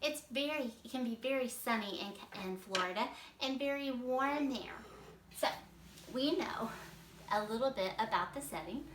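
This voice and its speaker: Kindergarten teacher lady explaining a story slow and patient, kinda high voice, echoey room. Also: lively intonation, background noise. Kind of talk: read-aloud lesson for young children. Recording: echoey room, mic at a distance.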